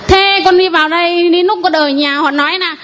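A woman's voice: extremely high pitch, steady tone, brisk, fairly bright tone, faint music behind. A woman in the congregation giving a spoken testimony of healing to the priest, earnest and sometimes laughing.

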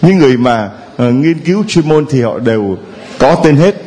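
Lively, playful male preacher. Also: medium pitch, normal speed. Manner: playful, quizzing the congregation, chuckling. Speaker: priest. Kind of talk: homily.

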